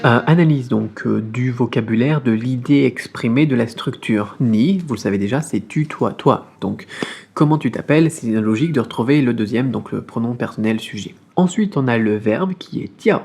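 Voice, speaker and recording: A man's voice: medium pitch, normal speed, creaky, a little mellow. A man giving a video lesson as a Mandarin teacher, explaining patiently and repeating syllables over and over to drill the tones.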